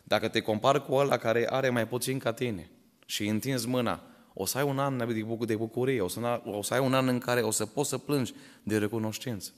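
A man's voice: medium pitch, fairly even intonation. Preaching man in a reverberant hall. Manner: preaches directly to the congregation with frequent rhetorical questions; tells stories and voices the people in them. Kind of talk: sermon. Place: church hall.

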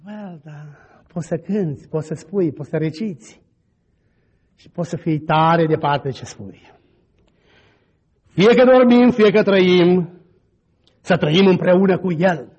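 A male pastor with a high, husky voice preaches with stories from his own life. His pitch leaps about as he moves from quiet asides to loud exclamations. The recording sounds dull and lo-fi. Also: pauses often. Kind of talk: sermon with personal stories.

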